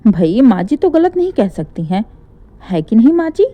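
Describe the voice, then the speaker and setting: A woman puts on a crafty young daughter-in-law who pleads in a sweet, mock-innocent tone. Her voice sits high and swings widely in pitch, soft and mellow in tone. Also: big pitch swings, normal speed.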